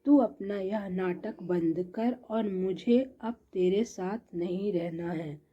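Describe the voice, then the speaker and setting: A woman's voice: mid-range voice, takes it slowly, warm tone, breathy edge. A woman voicing an angry, stubborn older mother-in-law who scolds and insists in a storybook tale. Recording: dull lo-fi recording.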